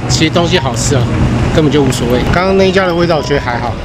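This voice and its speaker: A man's voice: a little high, racing, heavy background noise. A man casually narrating a travel vlog outdoors on city streets, sharing candid opinions about the food. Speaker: travel vlogger. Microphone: action camera.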